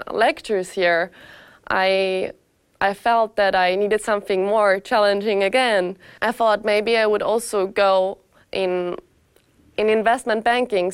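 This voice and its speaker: A 25-year-old woman from Austria, giving an earnest student testimonial and pausing to rephrase. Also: medium pitch, clear, resonant tone, no echo. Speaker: master's student.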